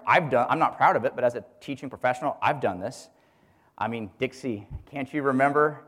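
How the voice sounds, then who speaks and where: Man teaching a group in a reverberant hall. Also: mid-range voice. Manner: asks listeners rhetorical questions and calls on them by name. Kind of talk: religious teaching talk to a group.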